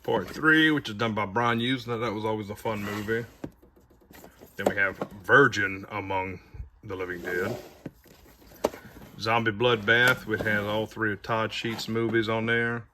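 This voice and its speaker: A man's voice: on the low side, little pitch movement, measured pace, pauses often, noisy background. A man giving a casual, rambling tour of his movie collection, with audible heavy breathing. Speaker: video collector showing his shelves.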